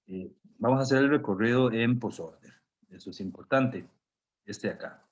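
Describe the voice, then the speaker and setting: Man, professor, low voice, sore throat, throat-clearing, slow careful explanation, video call. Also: dull audio. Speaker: university professor. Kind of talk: online class lecture.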